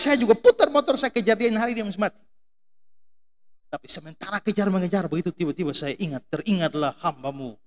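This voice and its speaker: A middle-aged man from Indonesia preaching a sermon, telling stories and firing questions at the congregation. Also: high-pitched. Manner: animated storytelling, mimics voices, asks congregation questions. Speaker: pastor.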